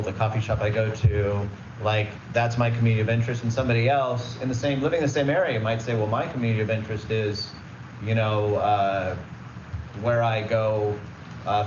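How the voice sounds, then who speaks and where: A man's voice: on the low side, echoey room, far from the mic, highs cut off, noisy background. A man giving a conversational presentation at a public meeting, explaining rules with everyday examples and plenty of fillers. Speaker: redistricting consultant presenting.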